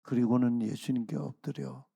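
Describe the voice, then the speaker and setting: Male pastor, sermon voice, gravelly, dry close sound, earnest with slowed emphasis. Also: medium pitch, fairly even intonation, dark tone, no room sound. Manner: earnest preaching, slows and stresses key phrases. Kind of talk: sermon at a dawn prayer service. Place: church sanctuary.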